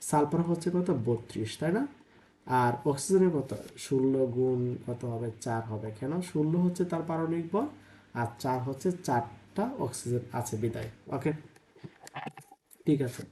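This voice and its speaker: A male chemistry tutor with a mid-range, dark-toned voice works through exam problems aloud at a normal speed, his intonation lively. He thinks out loud, asks and answers his own questions, checks in with "তাই না?", and mixes English terms and numbers into his speech, with slight background noise behind him.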